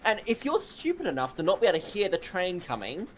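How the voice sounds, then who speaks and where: Lively, joking young man gaming. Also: sits high, fast talker, a little hiss or hum. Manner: joking, blunt, lively rambling. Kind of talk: casual gameplay chat.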